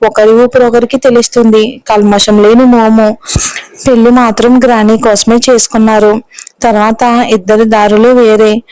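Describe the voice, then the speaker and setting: A woman reading a serialized romance story aloud in a steady, even storytelling manner, close to the microphone. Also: a little high, dry recording, rough recording.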